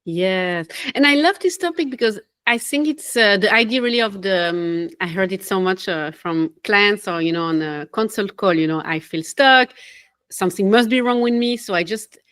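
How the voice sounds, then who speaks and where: A woman's voice: medium pitch, normal speed, smooth. Chatty Swiss woman life coach. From Switzerland. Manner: animated, laughs between phrases, loses her train of thought. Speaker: podcast guest, life coach. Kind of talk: casual interview talk.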